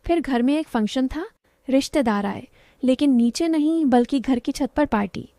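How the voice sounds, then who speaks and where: A woman's voice: sits high, moderate pace, dark tone, no echo. A woman narrating an emotional first-person story in a confiding storytelling manner.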